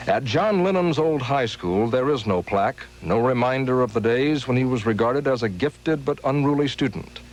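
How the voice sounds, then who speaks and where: A man filing a formal, measured scripted news report from outdoors in a city. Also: mid-range voice, background noise. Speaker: news correspondent.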